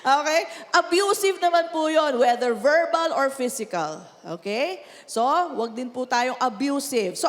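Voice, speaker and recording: A woman preacher with a Filipino accent delivers a chatty, animated sermon, laughing easily and checking in with her congregation. Her voice sits a little high for a woman. The sound carries a long reverb from a large hall. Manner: animated, chatty, laughs often, asks Amen. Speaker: pastor. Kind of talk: sermon mixing Tagalog and English.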